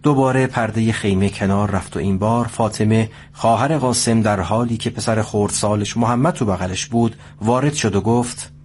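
Male narrator, steady storytelling. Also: fairly low pitch, hardly any pauses, a little hiss or hum. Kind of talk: scripted narration.

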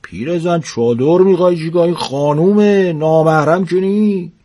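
A man voicing a stubborn, teasing old grandfather in a storybook reading, loud and mocking, drawing words out. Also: a little high, voice pushed up, close to an everyday voice.

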